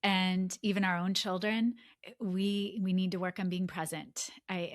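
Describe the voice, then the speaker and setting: A woman's voice: mid-range voice, a bit bright, no room sound, studio quality. A woman hosting an education podcast, affirming her guests and asking open questions. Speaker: podcast host. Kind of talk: interview hosting.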